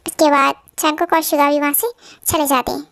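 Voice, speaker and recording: A woman's voice: high-pitched, steady tone, fairly quick, vocal fry, a bit bright, no room sound. A woman narrating an amateur fan dub in a plain storytelling manner.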